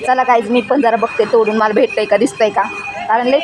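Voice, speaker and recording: A woman chatting excitedly to her viewers in a casual vlog, filmed outdoors on a handheld phone. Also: a little high, brisk. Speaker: vlogger. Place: outdoors by a road, in fields and at a temple. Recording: loud crowd and traffic noise outdoors. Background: loud crowd chatter and vehicle noise.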